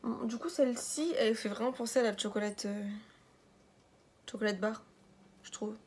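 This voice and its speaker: A woman's voice: on the high side, moderate pace, a little mellow, a little hiss or hum. A young woman chatting casually as she reviews a makeup set, rambling and poking fun at herself. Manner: chatty, rambling, self-mocking. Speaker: beauty vlogger.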